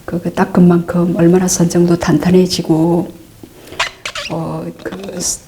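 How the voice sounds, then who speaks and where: A middle-aged woman, a Buddhist nun, patiently answering meditation questions, calm and repetitive, sometimes dropping into soft asides. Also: fairly low pitch, a little slow, noisy background. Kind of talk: dharma Q&A teaching.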